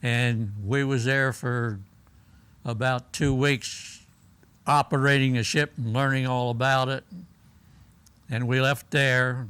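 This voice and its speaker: An old American man with a clear, smooth voice recalls his days as a veteran. He talks slowly and plainly, feeling his way through the memories, and is recorded close and dry. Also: medium pitch, level tone, a bit bright, no room sound. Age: elderly, 80s or older. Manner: old veteran remembering, halting, plain-spoken storytelling. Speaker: war veteran being interviewed. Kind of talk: unscripted oral-history reminiscence.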